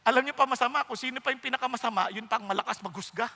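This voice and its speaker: A man preaching a sermon in a church hall, animated and playful, telling stories and joking asides. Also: very high-pitched, racing, creaky. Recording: long reverb of a large hall.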